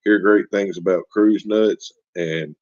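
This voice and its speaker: A deep-voiced man hosts a casual livestream, chatting with viewers and joking in a folksy, easygoing way. His voice is very low and comes through a dry, slightly dull home microphone. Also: fairly even intonation, takes it slowly, darkish tone, no room sound. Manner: folksy, joking, reads and answers chat. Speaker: livestream host. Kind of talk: casual live-chat hosting.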